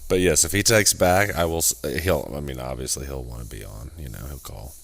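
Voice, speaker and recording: A man's voice: a bass voice, brisk, gravelly, fairly bright tone, dry recording. A young man co-hosting a podcast in casual chat, loose and profane, rambling and restarting his sentences. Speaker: podcast co-host.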